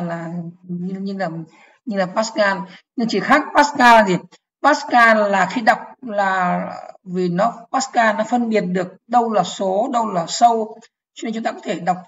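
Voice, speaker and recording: A woman's voice: medium pitch, dull audio. A woman teaching programming in an online lecture, explaining step by step, repeating key phrases and asking if the class follows.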